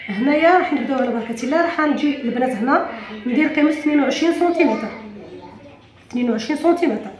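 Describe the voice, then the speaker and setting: A woman with an Algerian Arabic accent teaching a sewing tutorial, talking quickly to viewers and often correcting herself. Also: high-pitched, reverberant, a little hiss or hum. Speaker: sewing instructor. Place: room at a cutting table.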